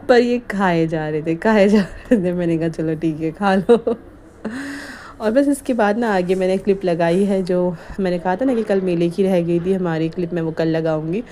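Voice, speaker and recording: A woman narrating her home vlog as a chatty voice-over, rambling and animated, often breaking into laughs. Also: lowish voice, slight background noise. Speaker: home vlogger. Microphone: voice-over recorded while editing.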